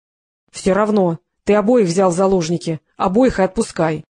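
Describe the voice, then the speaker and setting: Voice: mid-range voice, normal speed, warm tone, no echo, studio quality, lightly acted. An audiobook reader voicing a tense man under threat, muttering his replies. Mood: pleading. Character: tense male ex-soldier forced to defuse bomb.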